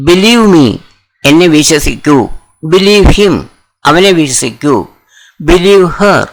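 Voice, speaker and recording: A man's voice: a little high, a bit bright, poor audio. A man with a Malayali accent teaching spoken English, reading short commands one at a time, each followed by its translation. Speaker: language teacher. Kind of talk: slow, deliberate phrase-by-phrase reading.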